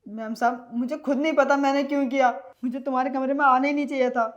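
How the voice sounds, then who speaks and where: A woman playing a young male house servant who pleads meekly and stammers in a low-budget short film drama. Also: steady tone, fast, lo-fi sound, natural voice. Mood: confessing. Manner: meek, stammering pleas.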